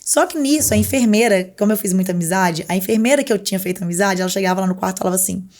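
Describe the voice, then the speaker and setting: A woman with a lilt talks at a rapid clip as a podcast guest. She tells her story in an animated way and slips into the voices of the people in it. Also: medium pitch. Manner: animated storyteller who acts out other people's words. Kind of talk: casual interview storytelling.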